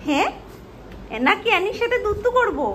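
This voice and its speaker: A young mother talks fast and high through a casual home vlog. She narrates in a chatty way, then slips into a lilting, sing-song baby talk for her little one. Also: animated, fairly bright tone, a little hiss or hum. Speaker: vlogger and mother. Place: family home.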